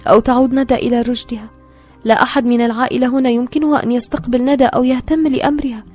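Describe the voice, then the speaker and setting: A woman voicing a bitter, high-strung older sister. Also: warm tone, natural voice. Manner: bitter, clipped.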